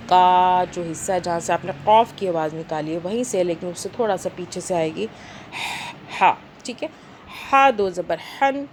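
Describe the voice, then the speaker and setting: Lady teacher drilling letter sounds real slow, stretches each one out then explains, bit of faint noise behind. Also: fairly low pitch, a little mellow. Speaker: Quran reading teacher. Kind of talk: recited letter-sound lesson.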